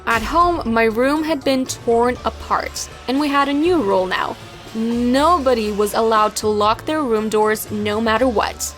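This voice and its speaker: Young woman narrating an animated story. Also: a little high, measured pace, soft background music.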